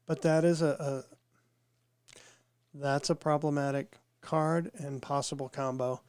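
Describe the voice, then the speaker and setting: A man's voice: a little high, steady tone, a little slow, darkish tone, clean tone, dry recording, studio quality. A man co-hosting a podcast, talking casually and rambling, his voice nasal from a cold. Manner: rambling, repeats words as he thinks. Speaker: podcast co-host. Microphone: podcast microphone with headphones.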